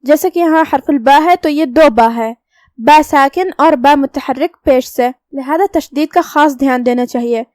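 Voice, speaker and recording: High-voiced woman teaching careful recitation. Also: darkish tone, no room sound, clean studio sound. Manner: patient, explains each letter rule step by step. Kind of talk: tajweed lesson with slow recitation.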